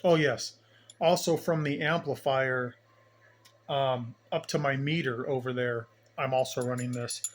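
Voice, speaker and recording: At his home radio bench, a man offers an offhand, unscripted walkthrough of his hobby equipment, meandering and musing aloud in a folksy style. His voice has a medium pitch and a measured pace, and the home video picks up noticeable background noise.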